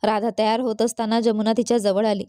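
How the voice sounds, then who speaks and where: A woman narrating a moral story in a steady, even storytelling manner. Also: a little high, brisk, clear, resonant tone, dry recording, clean studio sound.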